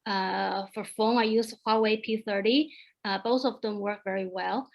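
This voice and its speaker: A Chinese woman in her thirties, speaking English as a second language, tells an animated story as a guest on an online alumni panel, restarting many times. She joins by video call from home, with a medium-pitched, gravelly voice at a moderate pace.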